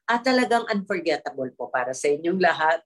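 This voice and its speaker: A middle-aged actress chatting casually as a guest, telling animated stories and laughing often, slipping English into her talk. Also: sits low, a little fast. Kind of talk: casual chat in an online interview.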